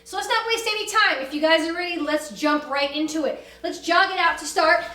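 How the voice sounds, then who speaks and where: Female workout coach, high voice, brisk commanding instruction, recorded in a roomy space away from the mic. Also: pushed and bright. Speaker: fitness class instructor. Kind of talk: energetic workout instruction with cues and countdowns. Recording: roomy echo, distant from the mic.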